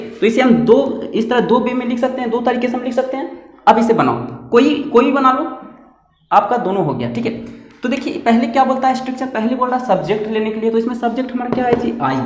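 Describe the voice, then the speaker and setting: A man teaching English grammar at a board, repeating points and putting questions to his class. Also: very high-pitched. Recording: echoey room with long reverb.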